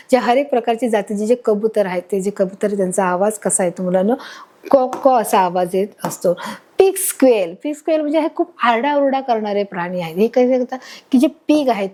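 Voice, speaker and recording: A woman with a Marathi accent teaches young pupils in a slightly high voice. She keeps posing simple questions and answering them herself, in a patient classroom rhythm. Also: darkish tone. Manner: asks and answers her own questions. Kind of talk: classroom explanation to children.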